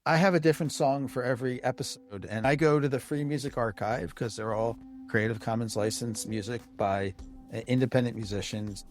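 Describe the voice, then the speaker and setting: A man's voice: medium pitch, brisk, soft background music. Rambling man hosting a podcast. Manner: rambling, many fillers like "you know". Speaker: podcast host. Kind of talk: casual interview chat.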